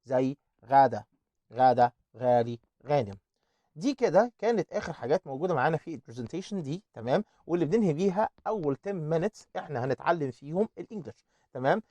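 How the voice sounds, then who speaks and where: A man with an Egyptian Arabic accent teaching an online English lesson, repeating words slowly to drill their pronunciation. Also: fairly high pitch, expressive, mellow, dry recording.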